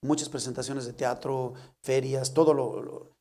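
A man's voice: medium pitch, moderate pace. A man with a Mexican Spanish accent, a guest chatting casually and telling a story with laughter. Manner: animated storyteller, laughs often. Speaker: guest comedian. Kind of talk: casual chat.

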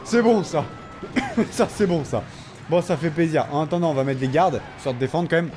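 A tired man casually commenting on his own game, excitable and talking to himself and his opponent. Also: a little high, normal speed, soft background music. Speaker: gaming video host.

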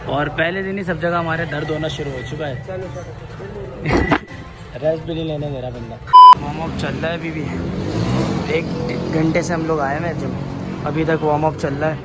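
A young man in his twenties vlogging casually with a phone camera held at arm's length inside a large gym, chatting and teasing his friends as he films. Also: a little high. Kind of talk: casual vlog chat.

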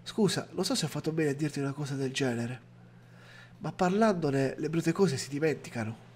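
A man's voice: fairly high pitch, moderate pace, darkish tone, a little hiss or hum, natural voice. A man reading aloud the lines of a tender, fearful young woman sorceress from a game, in a plain read-aloud delivery.

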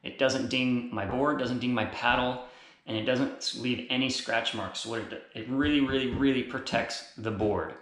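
A man in his thirties casually demonstrating paddle board gear setup, talking in a relaxed way and often repeating words as he goes. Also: medium pitch, normal speed. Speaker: outdoor gear channel host. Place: small bare indoor room. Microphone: camera on a stand across the room, later held close. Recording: very echoey bare room.

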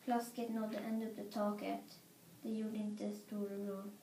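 A woman reading a children's story aloud in an expressive, playful way. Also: medium pitch, a little hiss or hum. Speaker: storybook reader. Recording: roomy echo.

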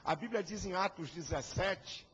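A man's voice: high voice, moderate pace, a bit bright, slight background noise. A man, a pastor, preaching a fiery and combative sermon full of rhetorical questions. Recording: echoey hall, dull lo-fi sound.

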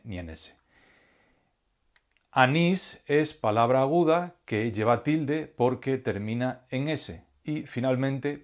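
A man giving a scripted grammar lesson as a teacher, speaking slowly and deliberately and spelling out syllables one by one. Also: mid-range voice, darkish tone. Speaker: language teacher.

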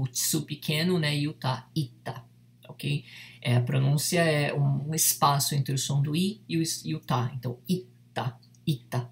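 A Japanese teacher leads an online lesson. The voice has a gravelly, fry-edged texture. The delivery is patient, with each word repeated slowly and steady check-ins with the learner. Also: mid-range voice.

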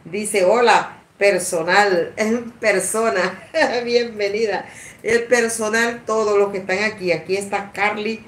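A woman chats on a livestream in an unhurried, drawn-out way, calling her viewers sweetheart and laughing between words. Her voice rings in an echoey room with a faint hiss of background noise. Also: medium pitch, distant mic. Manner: affectionate, chatty, laughs often, many restarts. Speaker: livestream host greeting viewers. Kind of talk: casual livestream chat.

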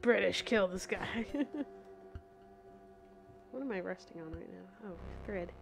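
A woman's voice: mid-range voice, a little slow, creaky. A woman streamer chatting casually while playing a game, thinking aloud, laughing often and talking to herself, with game music underneath. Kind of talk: casual live-stream gameplay chat.

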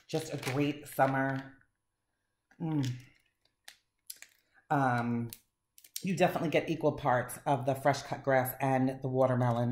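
A woman chatting casually and enthusiastically as she reviews wax melts, rambling with fillers. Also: a bass voice. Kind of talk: casual chat. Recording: echoey room, faint noise.

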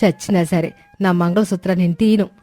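A woman's voice: lowish voice, steady tone, quick pace, dark tone, soft background music, lightly acted. A woman voicing a long-suffering, devoted wife and mother who pleads with her drunk husband. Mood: defiant.

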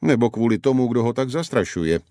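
A man voicing a sardonic gentleman companion in an audiobook, with dry muttered asides. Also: mid-range voice, lively intonation, dry recording, pitched above the performer's own voice, lightly acted. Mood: worried. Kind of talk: audiobook character voice.

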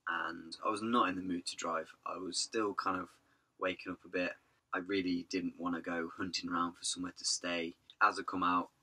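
Low raspy guy rambling through his van trip vlog, bit hoarse, punchy tone. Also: pushed and bright. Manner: rambling, chatty storytelling. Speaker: vanlife vlogger. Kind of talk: casual vlog narration.

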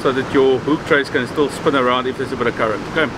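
South African man explaining over loud surf. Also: mid-range voice, quick pace. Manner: relaxed, practical explaining with many "so" and "okay". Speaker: fishing instructor. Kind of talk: outdoor how-to demonstration. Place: open beach by the surf. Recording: loud surf and wind noise. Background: crashing waves.

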